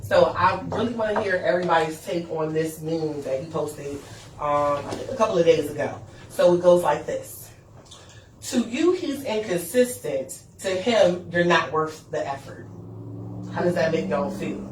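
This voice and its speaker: A woman with a fairly low voice hosts a casual podcast chat at a moderate pace, lively, laughing, and full of fillers. The room is echoey, the mic distant, and background noise is audible.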